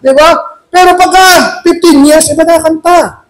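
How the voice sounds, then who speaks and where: A man with a Filipino accent giving a humorous church talk in a chapel, acting out shouting couples. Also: extremely high pitch, fairly even intonation, normal speed, rough recording. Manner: jokey, acts out shouting couples. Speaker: lay preacher.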